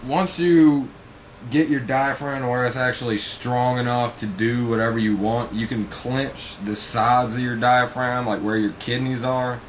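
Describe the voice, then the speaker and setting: A man's voice: medium pitch, little pitch movement, normal speed, few pauses, a little hiss or hum. A man giving a casual, informal vocal tutorial as a coach, rambling and blunt with frequent swearing.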